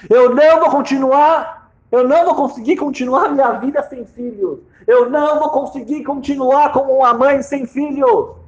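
A man's voice: a little fast, lo-fi sound, close to an everyday voice. A man voicing a dying young wife pleading. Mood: anguished. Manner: soft, pleading, breaking between hushed and high.

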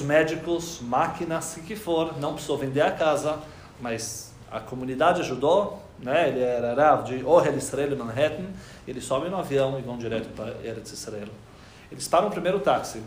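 A man telling a long religious story to an audience. He acts out each character's lines, dropping to a hush and then rising to loud cries. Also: mid-range voice, roomy sound, slight background noise. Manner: lively storyteller, acting out dialogue with quoted voices, swings from hushed to loud.

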